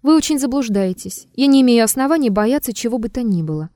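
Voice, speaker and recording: A woman voicing a calm, aloof man in an audiobook, answering coolly and dryly. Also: fairly high pitch, quick pace, dry recording, lightly acted. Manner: calm and dry.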